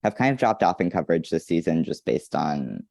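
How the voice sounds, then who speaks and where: A man's voice: low voice, very animated, brisk, creaky, a little mellow, no room sound. A man who writes about soccer, talking as a guest in a hesitant way with many ums. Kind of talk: casual interview chat.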